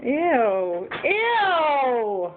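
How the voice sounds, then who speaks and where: Casting: woman, high lively voice, blunt and teasing casual chat, phone-grade sound. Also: extremely slow. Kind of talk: casual chat, egging on a family burping contest. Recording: tinny phone-like audio with loud background noise.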